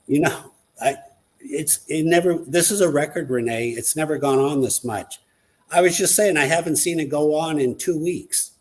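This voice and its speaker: A man's voice: fairly high pitch, normal speed, a little hiss or hum. Earnest man, a show guest. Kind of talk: casual chat on a live online show.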